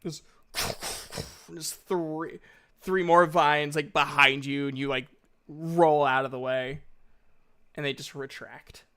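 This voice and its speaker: A man running a tabletop game as dungeon master, with a fairly high, bright and crisp voice. He talks slowly and hesitantly, padding his narration with fillers and restarts. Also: steady tone.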